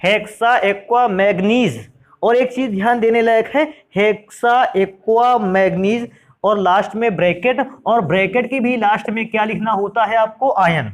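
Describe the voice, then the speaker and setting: With a high, unhurried voice, a man leads a friendly chemistry class. He refers to his students as "beta" and "bhaiya" and answers the very questions he puts to them.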